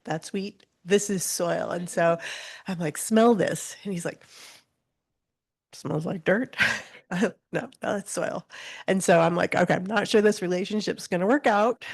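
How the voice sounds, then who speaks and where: A woman's voice: lowish voice, fairly even intonation, normal speed, gravelly. A tearful woman giving a memorial speech, telling a funny family story with acted-out quotes. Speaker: eulogy speaker, daughter of the deceased.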